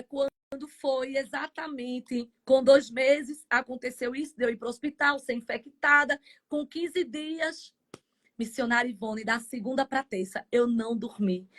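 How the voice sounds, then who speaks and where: A woman pastor with a Brazilian Portuguese accent, giving a fervent faith testimony on a live stream, swinging between loud cries and soft passages. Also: high-pitched. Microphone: phone or video call on a live stream.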